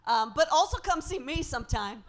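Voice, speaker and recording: Fast-talking bubbly female comedian. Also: sits high, lively intonation, noisy background. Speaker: guest comedian. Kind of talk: casual banter on stage. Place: live comedy stage.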